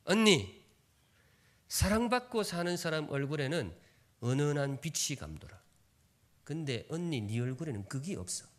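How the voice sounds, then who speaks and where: A man putting on a sharp-tongued younger sister. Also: on the high side, sing-song, moderate pace, pauses often, pitched above the performer's own voice. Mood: taunting. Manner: cutting, dramatic taunt.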